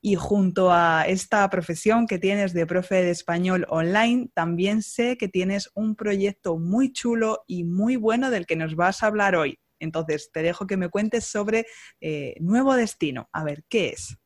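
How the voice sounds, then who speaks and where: A woman from Spain, hosting a podcast and interviewing a guest in a friendly, measured way. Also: medium pitch. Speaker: podcast host.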